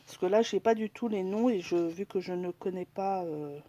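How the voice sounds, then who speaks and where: A woman's voice: lowish voice, normal speed, mellow, highs cut off. A woman chatting casually in a haul video, hesitant and full of fillers, now and then dropping to a whisper as she shows each item. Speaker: crafting vlogger.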